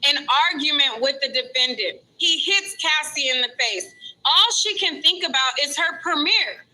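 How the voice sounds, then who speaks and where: A woman's voice: high-pitched, lively intonation, moderate pace, pushed and bright, rough recording. A woman streaming casual commentary from outside a courthouse, reading notes aloud and adding chatty asides. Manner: chatty, reads aloud then adds asides. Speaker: vlogger reporting outside a courthouse.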